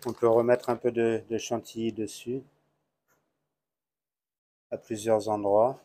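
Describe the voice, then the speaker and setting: A man's voice: on the low side, flat delivery, slow, warm tone. A middle-aged man, a hotel chef giving a plain, step-by-step cooking demonstration on a lapel mic while he works. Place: hotel kitchen, indoors.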